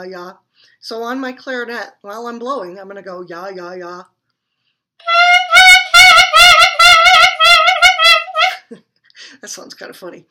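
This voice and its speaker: A woman's voice: on the high side, fairly bright tone. A woman teaching beginner clarinet, explaining and demonstrating in a friendly, chatty way and laughing at her own slips. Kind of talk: instructional demonstration.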